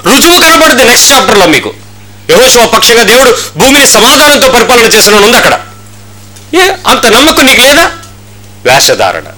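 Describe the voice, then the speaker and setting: Male pastor preaching hard in church, high bright voice that swings all over, keeps asking questions at the crowd. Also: wildly swooping pitch, fairly quick, slight background noise, rough recording. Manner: impassioned preaching with rhetorical questions and retold dialogue. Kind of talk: sermon.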